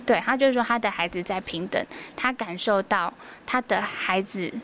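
A woman's voice: mid-range voice, normal speed, fairly bright tone, slight background noise. A woman with a Taiwanese Mandarin accent, a preschool teacher guest on a radio interview, telling stories earnestly with many fillers.

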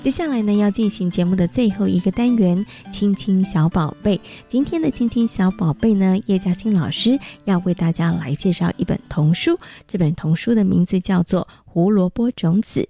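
A woman radio host with a Taiwanese Mandarin accent introduces the next segment in a measured, announcing way. Her voice is mellow, at a middle pitch for a woman. Soft music plays faintly behind her. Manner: measured and announcing, with slow, drawn-out segment titles. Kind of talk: scripted radio hosting.

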